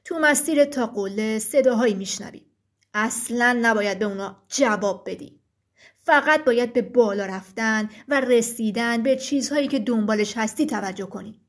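A woman voicing a huge stone giant who gives slow, solemn warnings in a thick deep voice. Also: natural voice. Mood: stern warning.

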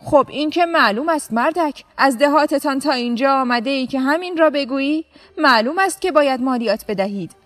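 Woman playing a haughty, shouting storybook governor. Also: sits high, expressive, voice pushed up. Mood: scornful. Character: arrogant, scornful male provincial governor.

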